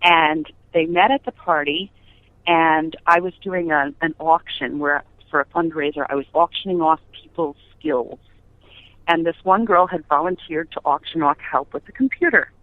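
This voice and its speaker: A woman's voice: low-pitched, normal speed, dry recording. A middle-aged woman chatting as an interview guest, telling anecdotes in an emphatic way with rhetorical questions. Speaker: podcast guest, business founder. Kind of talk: conversational interview, anecdotal storytelling. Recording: tinny phone-line audio.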